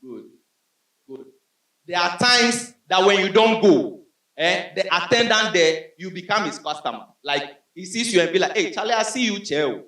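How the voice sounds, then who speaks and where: A man doing stand-up comedy on a club stage, telling stories with lively vocal sound effects. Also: sits high, measured pace. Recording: roomy club sound from a distance.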